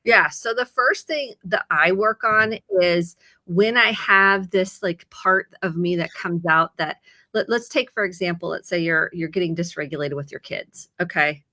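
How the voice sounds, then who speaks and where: Middle-aged lady therapist, earnest, talks it through w/ examples, bright clear tone. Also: fairly low pitch, a little slow. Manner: earnest, explains with examples and acted quotes. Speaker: licensed therapist. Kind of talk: conversational advice segment.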